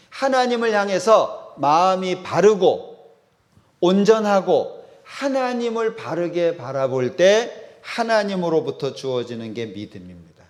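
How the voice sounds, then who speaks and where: A man preaching a sermon as a pastor. He asks the congregation questions, answers them himself, and acts out the voices of the people in the Bible story. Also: sits high.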